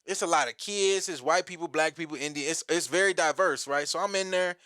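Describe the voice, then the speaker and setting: Guy in his late 20s, bright forceful voice, dry close sound, acts out the quotes, swears a lot. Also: a little high, a little fast, no room sound. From Detroit, Michigan. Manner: animated, acts out quotes, profane. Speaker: guest comedian. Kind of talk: casual storytelling interview.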